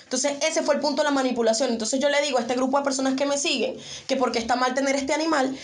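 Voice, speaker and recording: A woman's voice: high-pitched, quick pace. A young woman, co-hosting a casual chat and acting out scenes with lots of laughter. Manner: animated, laughs often, acts out scenes. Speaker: podcast co-host.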